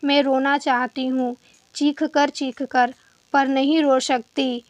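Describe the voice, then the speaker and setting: A woman reading as a heartbroken young pregnant wife pouring out her pain in a storybook letter. The voice is high and slow, with little rise and fall. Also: level tone, dry recording. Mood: sorrowful. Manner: sorrowful, confiding.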